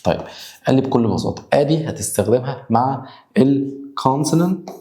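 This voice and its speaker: Egyptian male English teacher, mellow low voice, drills sounds slowly, reverberant room. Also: expressive. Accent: Egyptian Arabic. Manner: repeats example words slowly, sounding them out. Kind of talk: spoken grammar lesson.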